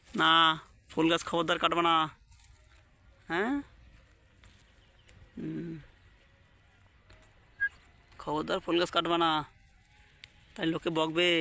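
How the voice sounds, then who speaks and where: A man's voice: a little high, gravelly, sharp tone. A man filming outdoors in fields and a flower garden, talking to his pet parrot in a coaxing, baby-talk way.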